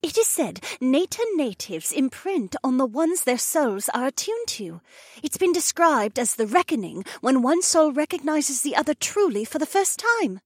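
A gentle young Phoenix woman, soft and earnest in her devotion, voiced by a man reading the story. The voice sits far above his own, tender and quiet. It is heard up close with no room sound. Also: very high-pitched, sing-song, normal speed, no echo, pitched above the performer's own voice, full character voice.

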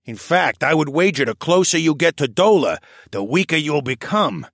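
A man's voice: fairly high pitch, normal speed, no echo, pitched above the performer's own voice. A man voicing a wily old koala archivist. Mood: shrewd. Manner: crafty, knowing, animated. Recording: dry close studio sound.

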